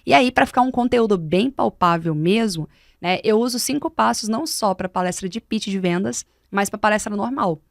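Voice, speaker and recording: Emphatic Brazilian woman, gravelly edge. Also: medium pitch, normal speed, no room sound, clean studio sound. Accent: Brazilian Portuguese. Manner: didactic, emphatic, animated explaining. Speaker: guest speaker and mentor. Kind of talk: podcast conversation. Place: podcast studio.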